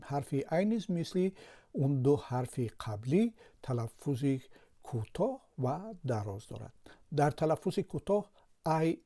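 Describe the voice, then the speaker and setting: A man's voice: medium pitch, mellow. A man with a Tajik Persian accent, a language teacher patiently explaining a lesson with word examples.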